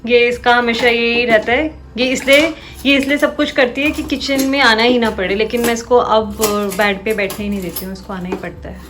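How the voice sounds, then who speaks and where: A woman's voice: a little high, steady tone, fairly quick, hardly any pauses, fairly bright tone, soft background music. A young woman chatting casually in a home vlog, teasing her sister and talking to viewers. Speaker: vlogger.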